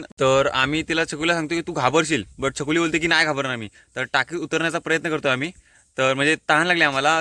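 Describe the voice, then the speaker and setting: Fairly high and bright, this man's voice comes across as forceful, in a dry, studio-quality recording. He's a Konkan vlogger using Konkani-inflected Marathi, casually walking a hilltop by a water tank with a handheld phone and explaining local words.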